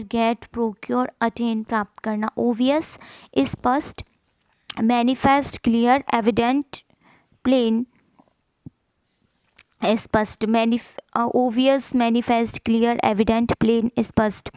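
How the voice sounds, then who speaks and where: A woman reads vocabulary lists in a slow, steady drill. Her voice sits a bit high and the recording is close and dry. She repeats each group and spells out tricky words letter by letter. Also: smooth, dry recording, rough recording. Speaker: teacher.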